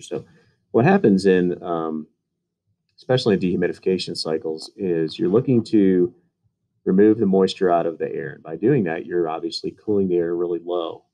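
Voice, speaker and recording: An HVAC instructor with a low, mellow voice narrates technical slides in a relaxed voice-over. His explanations are casual and sprinkled with plenty of ums and uhs.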